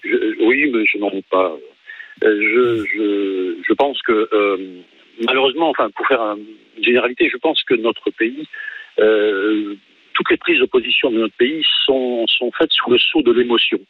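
A man calling in to a radio show over a phone line, speaking haltingly and politely in a husky voice. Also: medium pitch. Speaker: phone-in caller. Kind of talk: hesitant spoken opinion on live radio. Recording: narrow, tinny phone line.

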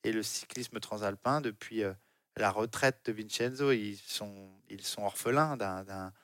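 A man's voice: on the low side, a little slow, fairly bright tone, no echo, clean studio sound. Emphatic male cycling pundit. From France. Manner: emphatic, repeats words. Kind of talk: radio sports talk.

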